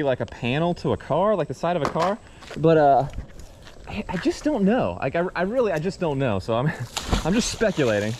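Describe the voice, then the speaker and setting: Excitable man vlogging outdoors. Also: a little high. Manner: chatty, excitable, addresses viewers as y'all. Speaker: magnet fishing vlogger. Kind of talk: casual outdoor vlog commentary. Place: outdoors on a bridge over a swamp. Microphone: head-mounted action camera. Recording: faint outdoor noise.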